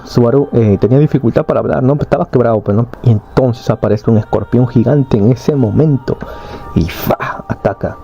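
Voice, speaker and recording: A man's voice: medium pitch, vocal fry, mellow, highs cut off. A man casually retelling an anime story, rambling along with fillers and tag questions. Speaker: anime recap narrator.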